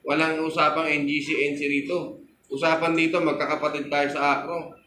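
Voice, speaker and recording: High-pitched preaching man in an echoey hall. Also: little pitch movement, fairly quick, pushed and bright, slight background noise. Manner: preaching with call-and-response, telling a story. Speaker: pastor. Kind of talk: sermon.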